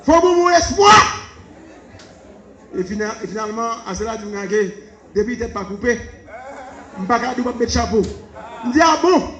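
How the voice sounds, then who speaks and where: Man preaching, high-pitched voice, impassioned, reverberant room. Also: normal speed, pauses often. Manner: impassioned, swings from low murmur to shouting. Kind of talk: sermon.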